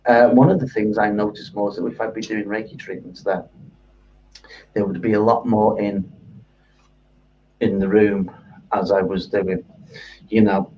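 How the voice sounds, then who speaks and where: Man, interview guest, low dark voice, hesitant, repeats words, distant dull line, faint hiss. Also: steady tone, moderate pace, pauses often. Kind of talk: casual interview.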